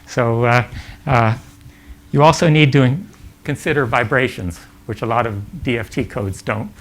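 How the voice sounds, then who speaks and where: Older man lecturing, gravelly voice. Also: mid-range voice. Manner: halting, many fillers and restarts. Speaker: physics lecturer. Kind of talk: academic lecture. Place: lecture hall.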